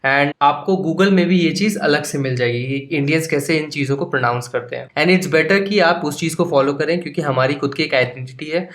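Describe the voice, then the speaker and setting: A man with an Indian English accent explaining an English lesson to schoolchildren, switching between Hindi and English and repeating words slowly. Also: on the high side, fairly bright tone. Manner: mixes Hindi and English, slow explanatory repetition. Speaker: English teacher.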